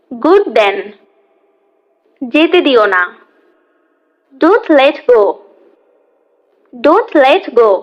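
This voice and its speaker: A woman teaching English, reading a phrase quickly and then repeating it slowly twice in a drill. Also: high-pitched, muffled recording. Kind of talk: slow phrase-by-phrase language drill.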